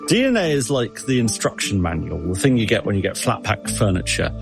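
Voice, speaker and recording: A man's voice: lowish voice, very animated, a little fast, creaky, music in the background. A man answering an interviewer as an expert, explaining with analogies and often stumbling over repeated words. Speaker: expert guest.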